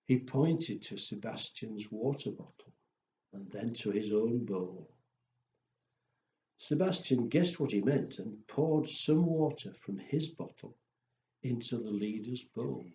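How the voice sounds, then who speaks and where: In an echoey room with dull sound and faint noise, a man spins playful stories and rhymes for little children, using simple words, acted woofs and exclamations. His medium-pitched voice is warm, with lively intonation and a slow pace.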